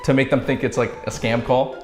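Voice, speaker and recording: A young man answers a mock job interview in a hesitant, filler-heavy way, his voice at an ordinary pitch. The room is echoey, with faint music somewhere behind him. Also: flat delivery, fairly quick, darkish tone.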